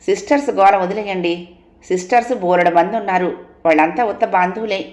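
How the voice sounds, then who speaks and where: A woman's voice: mid-range voice, darkish tone, lightly acted. A woman voicing a bossy, teasing young wife. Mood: scolding. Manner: quick, scolding, playfully bossy. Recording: roomy echo.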